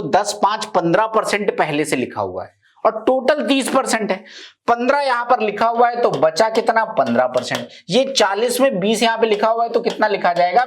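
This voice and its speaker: A man with a high voice teaches a live maths class, explaining each step and frequently checking that his students are following.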